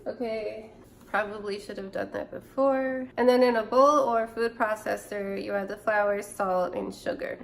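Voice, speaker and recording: Cooking in her home kitchen with a camera or phone close by, a twenty-something vlogger with a cold talks casually and thinks out loud in a stuffy, nasal voice. She speaks at a normal speed with a medium pitch, a steady tone and a gravelly texture, over a faint hiss or hum.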